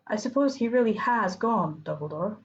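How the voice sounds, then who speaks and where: Stern older Scottish professor, clipped and impatient, read by a woman putting her on, storybook, mid pitch. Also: lively intonation, normal speed, muffled recording, lightly acted. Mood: probing. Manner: clipped, irritable, sharp.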